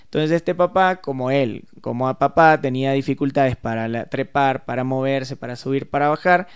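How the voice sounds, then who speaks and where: A man's voice: mid-range voice, moderate pace, smooth. A man who is a music therapist, explaining ideas in a casual podcast interview, thinking aloud with small hesitations.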